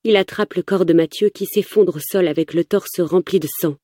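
A woman's voice: fairly low pitch, moderate pace, dark tone, no echo, studio quality. A woman narrating a first-person story with tense, urgent delivery.

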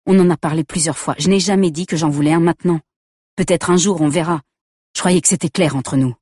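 Woman doing a cold bossy boyfriend, accusing, husky voice. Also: sits low, brisk, warm tone, no echo, studio quality. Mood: angry. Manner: cold and accusing, shifting to coaxing. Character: angry controlling young man, boyfriend.

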